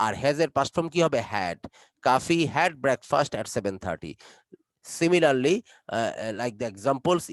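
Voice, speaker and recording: Slow Bangladeshi man teaching English. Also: medium pitch, dry recording, poor audio. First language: Bengali. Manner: mixes English and Bengali, repeats instructions. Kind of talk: online class instruction. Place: online class, voice of the teacher.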